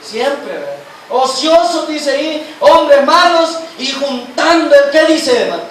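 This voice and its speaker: A man's voice: extremely high pitch, fairly bright tone, slight background noise. A man teaching a church Bible study lesson, constantly quizzing the congregation with questions and calling them brothers. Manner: addresses listeners as brothers constantly. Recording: echoey church hall, mic far off.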